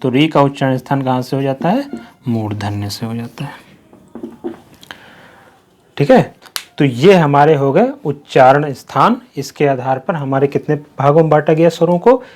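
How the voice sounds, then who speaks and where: A man teaching Hindi grammar in a slow, repetitive way, asking questions and then answering them himself. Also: mid-range voice, darkish tone. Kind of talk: classroom-style lesson.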